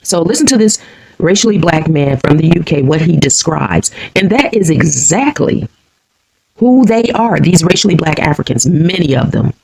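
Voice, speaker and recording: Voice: medium pitch, lively intonation, normal speed, gravelly, a little mellow, breathy edge, low-quality recording. An American vlogger giving combative opinion commentary, often repeating phrases for emphasis.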